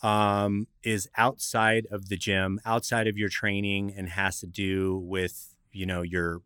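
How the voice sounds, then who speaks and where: A man's voice: sits low, fairly bright tone, clear, resonant tone, no echo, clean studio sound. A man hosting a radio talk show, explaining in an instructive, methodical way like a coach.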